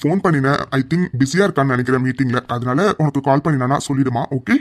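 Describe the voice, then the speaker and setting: A man voicing a calm, soothing middle-aged father in a cartoon. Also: medium pitch, fast talker, lightly acted. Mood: patient. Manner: soothing, patient. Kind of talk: cartoon voice acting.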